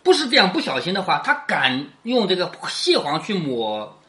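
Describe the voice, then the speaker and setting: A woman's voice: lowish voice, wildly swooping pitch, moderate pace, pushed and bright. A woman teaching a class, reading a classic novel aloud and explaining it line by line while checking in with questions.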